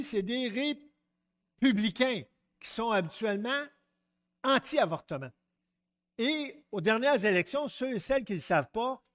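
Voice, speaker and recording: A middle-aged man with a Québécois French accent preaching a sermon, lively and joking, often stepping aside to tell stories and acting out quotes. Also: high-pitched. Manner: lively, jokes and digresses, acts out quotes.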